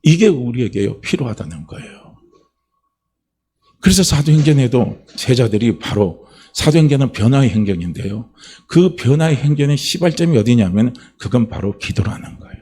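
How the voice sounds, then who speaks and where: A man preaching a sermon as pastor, asking rhetorical questions and building to passionate, high-pitched emphasis. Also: expressive, normal speed, warm tone.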